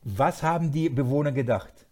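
A man preaching a sermon, moving from quiet asides to loud, emphatic passages and laughing often. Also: mid-range voice, normal speed.

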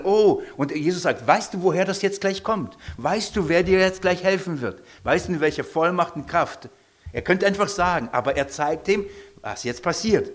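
A male preacher gives a lively sermon full of questions meant to draw his listeners in. His voice frequently drops to a quiet, low tone.

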